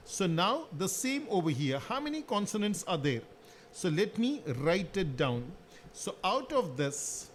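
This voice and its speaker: A maths teacher with a rather high voice talks through a worked solution one step at a time, putting questions to the class and answering them himself. A faint hiss of background noise sits under his voice.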